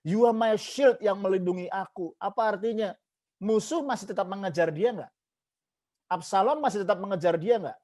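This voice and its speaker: A man's voice: sits high, moderate pace, mellow. A man preaching a sermon as a pastor, emphatic, with repeated parallel phrases and English words mixed in. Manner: mixes English phrases into Indonesian, repeats "saudaraku" often.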